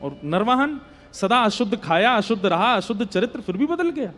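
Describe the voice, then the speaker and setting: A man telling a devotional story in a sermon, emotive, his voice swelling louder on devotional lines. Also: sits high, very animated, normal speed. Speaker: Bhagavat storyteller. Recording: long hall reverb.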